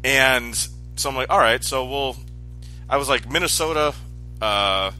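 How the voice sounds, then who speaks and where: A man's voice: mid-range voice, unhurried, sharp tone, soft background music, rough recording. A man in his forties chatting casually, rambling and correcting himself as he goes. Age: 40s. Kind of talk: casual chat.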